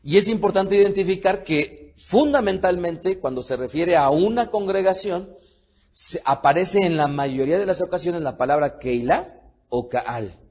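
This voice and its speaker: A man's voice: high voice, normal speed, a little mellow, breathy edge. A man leading a sermon-style Bible study, who calls his listeners beloved and stops to spell out and pronounce Hebrew words. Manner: addresses listeners as beloved, leads repetition of words, frequent restarts. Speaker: teacher of a Torah study.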